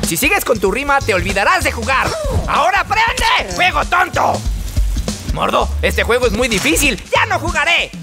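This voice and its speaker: A man voicing an excitable, whiny, childish cartoon raccoon gamer, dramatic and complaining, with a Latin American Spanish accent. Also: very high voice, moderate pace, heavily acted. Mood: whiny, frustrated. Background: music.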